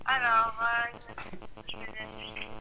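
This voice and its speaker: Hotel receptionist lady on a landline phone, high bright voice with some gravel, very polite. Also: monotone, measured pace, faint music behind, low-quality recording. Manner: formal and polite. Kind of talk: phone call.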